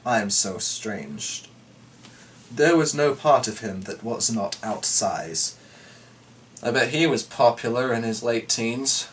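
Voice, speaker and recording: His voice is medium in pitch and animated, but he takes it slowly while reading a folk tale with dramatic flair. He often wanders into chatty, irreverent, foul-mouthed tangents; the distant mic picks up faint background noise.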